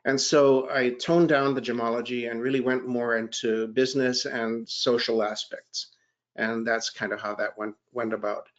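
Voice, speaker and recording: A man's voice: medium pitch, steady tone, normal speed, muffled recording. A man telling long career stories as a panelist in a discussion, with many restarts and a self-deprecating tone. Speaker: gemology writer and panelist. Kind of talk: anecdotal career storytelling.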